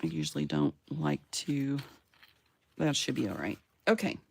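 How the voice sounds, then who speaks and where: Low gravelly lady rambling through a bookbinding craft video, cheering herself on. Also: sing-song, moderate pace, darkish tone. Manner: chatty, talks to herself while working; playful sound words and self-cheering. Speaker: craft channel host. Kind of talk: casual crafting tutorial.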